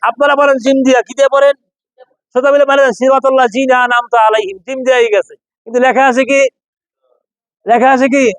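Male Quran teacher, very high voice, dry close sound, slow chanted letter drills and rhetorical questions. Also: steady tone, a bit bright, clean tone, no room sound, poor audio. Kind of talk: classroom pronunciation lesson.

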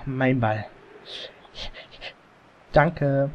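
A man casually commentating his own football video game as he plays, excitable and quick to swear and groan at mistakes, through a slightly overdriven mic. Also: mid-range voice, phone-quality sound, slight background noise. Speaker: let's play gamer. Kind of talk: casual live gameplay commentary. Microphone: headset or desk mic, slightly overdriven.

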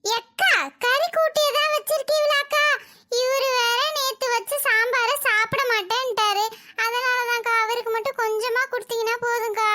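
A woman's voice: very high voice, fairly even intonation, moderate pace, sharp tone. A woman voicing a scheming, gossipy village neighbor who talks in a sly, dramatic, wheedling way. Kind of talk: cartoon voice acting.

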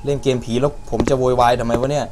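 A man's voice: mid-range voice, steady tone, fast talker. A man commenting as he plays a horror game, yelping, swearing and talking back to it. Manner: jumpy, yelps and swears, talks to the game. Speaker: gaming YouTuber. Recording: loud background music.

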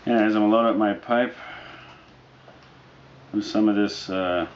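Low-voiced man reviewing, dull noisy recording. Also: steady tone, unhurried. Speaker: product reviewer. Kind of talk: casual review chat to camera. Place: living room, indoors, on a couch. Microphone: camera mic a short distance away. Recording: dull lo-fi audio with noticeable background noise.

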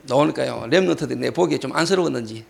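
A male pastor telling a personal story in a sermon and acting out shouted quotes. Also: mid-range voice, very fast, creaky. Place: church hall.

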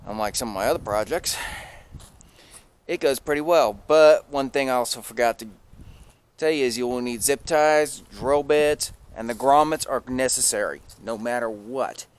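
A middle-aged man speaks a little slowly in a mid-range voice, casually explaining his truck project for his vlog. Standing outdoors by the vehicle in a residential yard, he records on a handheld camera at arm's length, and the audio is clearly noisy and punctuated by clicks.

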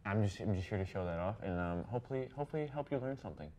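A man's voice: lowish voice, animated, racing, a little mellow, a little hiss or hum. A young man as a student guest, improvising with hesitant, rambling talk. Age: young adult. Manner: hesitant, rambling, laughs at himself. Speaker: guest student teaching accents. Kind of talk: improvised comedic chat.

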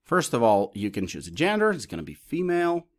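Man, tutorial presenter, lively up-and-down delivery, listing options step by step, mid-pitched voice. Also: a little fast. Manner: lists options step by step, explaining as he clicks. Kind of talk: screen-recorded tutorial walkthrough.

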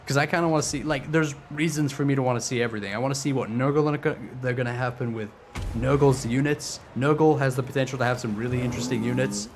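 Young male streamer, twenties, profane and excitable, casual stream commentary. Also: medium pitch, fast talker, a little hiss or hum. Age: 20s.

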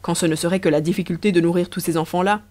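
A woman voicing a soft-hearted, doubtful young emperor who speaks in a mild, questioning way. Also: fairly low pitch, fairly even intonation, very fast, close to an everyday voice.

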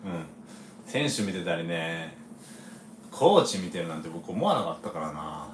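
A man who is a former baseball pitcher hosts a relaxed livestream, chatting casually, reading viewer comments and laughing often. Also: unhurried, reverberant, a little hiss or hum.

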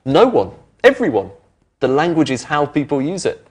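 Brief: male teacher, middle-aged, lively intonation, patient. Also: a little high, normal speed. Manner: clear, patient, explanatory. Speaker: presenter of an English lesson. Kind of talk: friendly teaching explanation. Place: indoor studio with brick walls.

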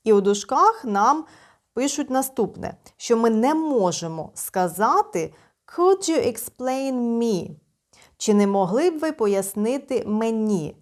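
A woman's voice: a little high, a little mellow. A woman teaching English, who reads English phrases and then translates and explains them step by step. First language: Ukrainian. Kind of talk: slow explanatory language lesson.

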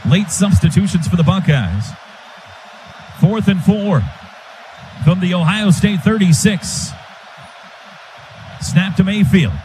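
Here a high-voiced American man does football play-by-play on the radio, slowly and with long pauses, in a low-quality recording. He calls in clipped bursts that rise with the action, and loud stadium ambience sits under the broadcast.

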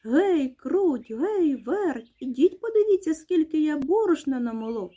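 A woman's voice: high voice, very animated, a little slow, mellow, voice pushed up. A woman voicing a hardworking, patient little rooster who calls out and asks questions in a children's fairy tale. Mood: calling. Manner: calling out, asking questions.

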